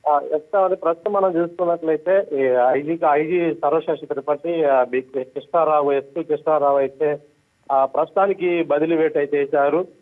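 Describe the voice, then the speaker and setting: A male news correspondent giving a live report, halting with frequent filler sounds. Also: fairly high pitch, steady tone. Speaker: special correspondent. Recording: tinny phone line.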